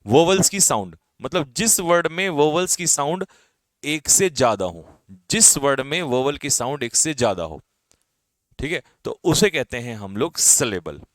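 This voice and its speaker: A man's voice: medium pitch, sing-song, normal speed, no echo, studio quality. A man with an Indian accent teaching an English grammar lesson for exam prep, explaining step by step and asking and answering his own questions. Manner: calls students brother, drops his voice at ends of lists.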